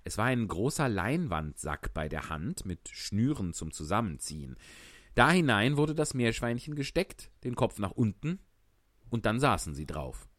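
A man narrating a storybook reading in a lively, expressive way. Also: lowish voice, moderate pace, no room sound.

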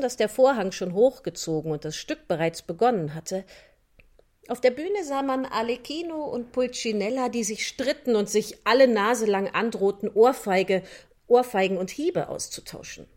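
A woman reading a children's storybook aloud in an even, clear narrating voice. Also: on the high side. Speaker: audiobook narrator.

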